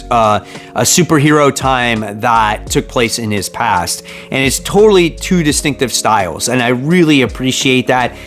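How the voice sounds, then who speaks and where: Man, somewhat high-pitched voice, top ten countdown commentary, informal reviewer, conversational delivery to viewers, faint music behind. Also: fairly bright tone. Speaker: comic book reviewer and channel host.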